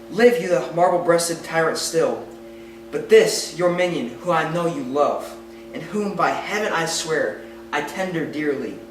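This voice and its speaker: A man's voice: fairly high pitch, a bit bright, slight background noise. A young man playing a proud, lovesick duke in an amateur Shakespeare performance, reading verse earnestly with some stumbles. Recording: echoey room, far from mic.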